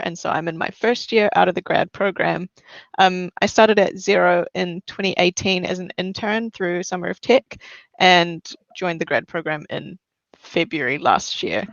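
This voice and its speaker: An upbeat young woman in her twenties introduces herself as an associate engineer on a video call. Her voice has a bit of fry, and the dry call audio sounds dull. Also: fairly low pitch, no room sound. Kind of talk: casual self-introduction.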